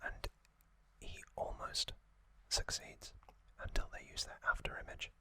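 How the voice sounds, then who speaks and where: A male ASMR host spins a tale in nothing but an unvoiced, breathy whisper, stopping and starting in short phrases. His sound is bright and pushed.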